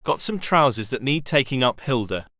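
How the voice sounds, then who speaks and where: A man's voice: medium pitch, animated, normal speed, pushed and bright, no echo, clean studio sound. A man voicing a strict, stern man who runs a children's home and barks short orders at the children.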